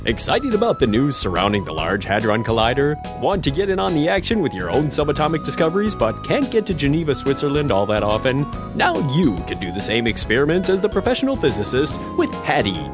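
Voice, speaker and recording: A man playing an excitable infomercial pitchman, reading a scripted hard-sell gadget ad. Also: over music, lightly acted. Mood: salesy, upbeat. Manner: infomercial announcer's hard sell with rushed disclaimers.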